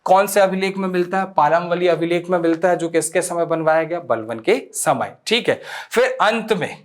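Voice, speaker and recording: A man's voice: high-pitched, moderate pace. A man teaching a history lesson for an exam coaching course, asking questions and answering them himself and repeating key facts for students to memorize.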